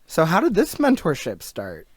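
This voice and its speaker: A man's voice: a little high, huge pitch swings, moderate pace, husky, no room sound. A man hosting an interview podcast, easygoing and jokey, who also does play-by-play commentary. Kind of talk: casual interview chat.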